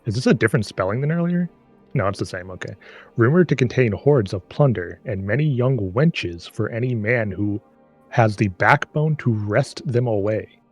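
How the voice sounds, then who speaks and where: A man's voice: on the low side, expressive, slightly rough, faint music behind. A man co-hosting a live stream, reading a book aloud with sarcastic, swearing commentary. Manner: sarcastic, swears, stumbles and reads haltingly. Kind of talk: comic read-aloud with running commentary.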